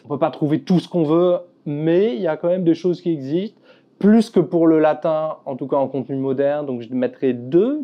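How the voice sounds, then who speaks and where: Man, video host, casual commentary, candid, laid-back, muffled lo-fi audio. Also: on the high side. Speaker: language YouTuber. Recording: dull lo-fi sound.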